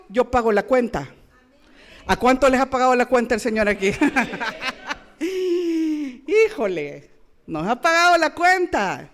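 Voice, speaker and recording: A woman pastor, preaching a sermon with rhetorical questions and playful asides. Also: sits high.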